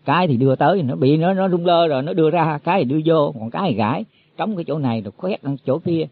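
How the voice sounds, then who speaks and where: A man delivers a Buddhist sermon in a folksy, explaining way, often stumbling over repeated words. His voice is husky and sits a little high. It comes through a tinny, phone-like, dry recording. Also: lively intonation, quick pace, no room sound. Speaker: Buddhist teacher.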